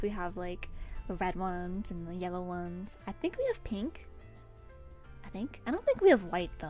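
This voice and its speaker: A young woman streamer chatting casually to her viewers, bubbly and excitable, often breaking into giggles. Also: medium pitch. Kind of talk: casual livestream chat.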